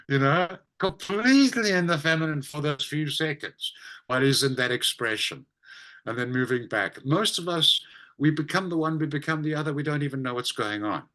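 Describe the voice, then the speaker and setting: A man, a spiritual teacher, telling personal anecdotes in a vivid, expressive conversational way. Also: fairly high pitch, fairly quick, poor audio. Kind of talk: conversational storytelling.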